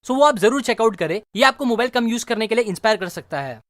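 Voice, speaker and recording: A man narrating a book summary, explaining clearly and speaking directly to the viewer. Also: sits high, expressive, fast, fairly bright tone, no room sound, clean studio sound.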